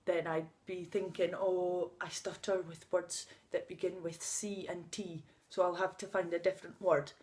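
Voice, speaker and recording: This woman in her thirties has a lowish, darkish voice, a flat delivery, normal speed, and few pauses. She stutters by blocking on first sounds while vlogging outdoors on a sunny day, speaking unscripted and emotionally and laughing now and then.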